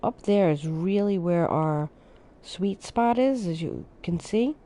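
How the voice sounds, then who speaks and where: Female game streamer, drowsy and easygoing, dark mellow tone, unhurried delivery. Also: fairly low pitch. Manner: relaxed, thinking aloud, unhurried. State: sleepy, yawning. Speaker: streamer playing a city-building game. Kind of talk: casual gameplay commentary.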